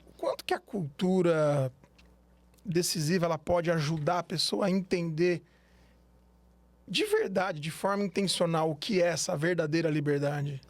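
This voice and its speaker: A man hosting a podcast, with a voice a bit higher than most men's. He frames his questions in a measured, reflective way. The recording is dry and close. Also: dry recording. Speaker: podcast host. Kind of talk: podcast interview.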